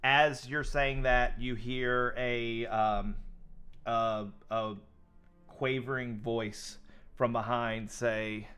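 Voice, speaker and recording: A male game master narrates a tabletop game in a slow, halting way, full of fillers. His voice is bright and clear. Soft music plays in the background. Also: medium pitch, steady tone. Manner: hesitant, many fillers.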